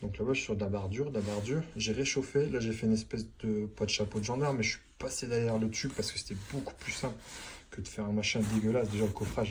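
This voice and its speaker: A man working as a plumber, explaining his job in a casual, informal way and constantly checking that the viewer is following along. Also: lowish voice. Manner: chatty and informal, keeps saying "tu vois" to the viewer. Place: indoor building site under renovation. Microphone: phone held in hand while working. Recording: noisy handheld phone recording on a work site.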